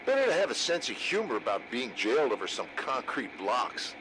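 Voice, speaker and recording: An actor playing an easygoing, good-humoured jailed comrade over the radio in a video game. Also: male voice, mid-range voice, very animated, a little fast. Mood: jovial. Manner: jovial, easygoing. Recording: noisy radio line.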